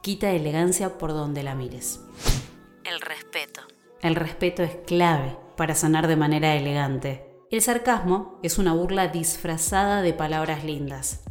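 Woman podcast host, Argentine accent, emphatic teacherly delivery, somewhat low pitch, echoey room. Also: darkish tone. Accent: Argentine Spanish. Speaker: radio announcer and podcast host. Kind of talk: instructional podcast talk. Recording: roomy echo with faint music.

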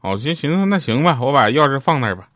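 A man runs through short comic anecdotes in a chatty, easygoing way. His voice sits at an ordinary middle pitch. He often chuckles at his own punchlines. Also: very animated, quick pace, a bit bright, no room sound, clean studio sound. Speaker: comedic storyteller. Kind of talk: comedic storytelling monologue.

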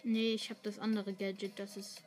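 Excitable woman chatting over gameplay. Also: mid-range voice, normal speed, music in the background. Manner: excitable, frequent loud exclamations. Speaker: gaming channel host. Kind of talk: casual gameplay chat.

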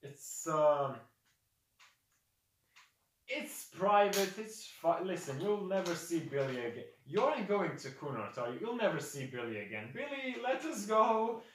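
A man's voice: high-pitched, big pitch swings, measured pace, slight background noise, pitched above the performer's own voice. A man doing a breezy, coaxing hooded orc. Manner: cheerful, coaxing, talks to his ogre like a pet. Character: hooded male orc healer, cryptic and jovial. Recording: roomy, distant mic.

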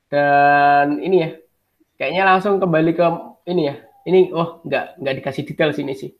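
Chatting about a manga chapter as a podcast co-host, this man hesitates, uses many fillers and laughs a lot. His voice is a little high with fairly even intonation at normal speed, and the highs are cut off.

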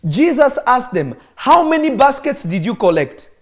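Emphatic preacher. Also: male voice, very high-pitched, sing-song, moderate pace, fairly bright tone. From Kenya. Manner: emphatic, repeats phrases for effect. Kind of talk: live-streamed sermon teaching.

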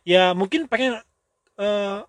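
A man's voice: high voice, expressive. A man co-hosting a podcast in casual chat, slangy and joking. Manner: slangy, joking, quick back-and-forth. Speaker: podcast co-host.

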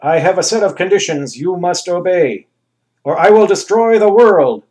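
In this comic tale, the performer gives voice to a booming, self-important anus who rules by thundering orders, slow and grandiose. He pitches his voice fairly high, above his own, with a darkish tone that stays close to everyday speech.

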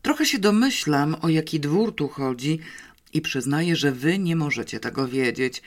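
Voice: mid-range voice, lively intonation, moderate pace, slight background noise, natural voice. An audiobook narrator voicing a patient, wry adult police captain who coaxes the children along. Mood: coaxing. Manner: coaxing, slightly mysterious. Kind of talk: audiobook character reading.

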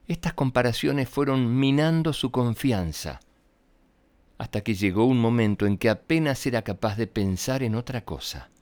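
A man hosting and narrating for children, speaking in simple phrases as a storyteller. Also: fairly low pitch. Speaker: children's storyteller and show host. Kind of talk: greetings to young listeners and scripted storytelling. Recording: roomy echo with music behind. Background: music.

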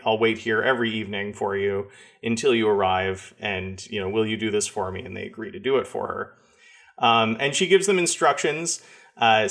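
A man, the game master, casually recapping a tabletop session with lots of fillers. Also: medium pitch. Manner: relaxed, many fillers.

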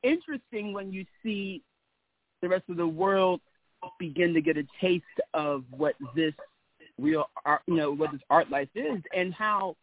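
A man hosting a relaxed interview chat, his voice sitting a bit high. He rambles, circles back and restarts his sentences. The sound comes through a thin, phone-like line. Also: measured pace, no room sound. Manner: rambling, many restarts and fillers. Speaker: host.

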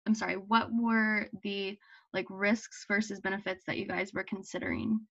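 A woman's voice: medium pitch, steady tone, moderate pace, vocal fry, fairly bright tone. A woman hosting a podcast interview, asking questions and giving short encouraging replies. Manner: brief encouraging backchannels. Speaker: podcast host. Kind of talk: casual interview chat. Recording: dull muffled lo-fi sound.

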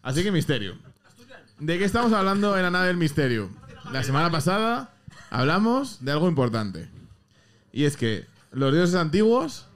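A man hosting a comedy show segment, joking in quick interjections. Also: a little high, very animated, a bit bright. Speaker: section host.

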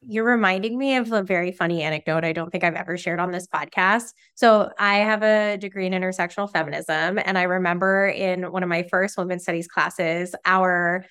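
A woman's voice: lowish voice, steady tone, fairly quick, few pauses, fairly bright tone, clean tone. A woman hosting a podcast, chatty and curious, asking questions in a casual style with lots of "like"s. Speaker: podcast host.

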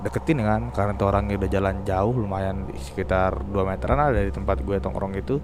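A man from Central Java telling a ghost story in casual chat, animated and acting out what people said. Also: low-pitched, a little fast, background noise. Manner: animated, acts out quoted lines.

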